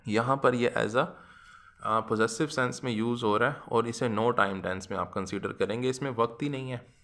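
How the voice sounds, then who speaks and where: A man, teaching English grammar to students in a lecture, checking often that they follow and reading English examples slowly and deliberately. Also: mid-range voice, fairly bright tone. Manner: addresses students as "janab" and "beta ji", often asks "theek hai". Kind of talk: classroom lecture.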